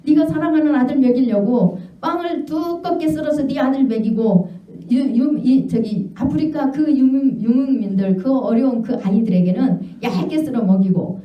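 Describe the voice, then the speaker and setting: A woman's voice: sits high, moderate pace, pitched above the performer's own voice, natural voice. A woman pastor voicing God as a stern, loving father who rebukes firmly in a sermon. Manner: firm, solemn rebuke. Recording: echoey hall, distant mic, dull sound.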